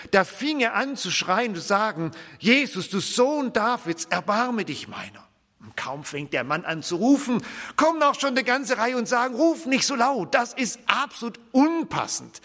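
A man preaching a sermon in a church, with emphatic, expressive delivery and frequent repetition. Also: high-pitched. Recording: church hall reverb.

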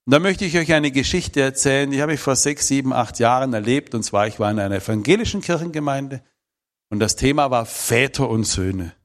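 A man's voice: mid-range voice, a little fast. A man, telling his personal testimony in an emphatic, emotional way. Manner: emphatic, emotional storytelling with shifting volume.

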